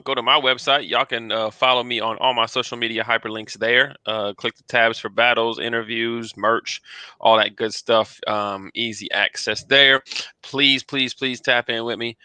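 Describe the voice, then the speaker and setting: Male podcast co-host, easygoing delivery, dry close sound, very sharp tone. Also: mid-range voice, steady tone, moderate pace, clean tone, no echo. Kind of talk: casual podcast chat.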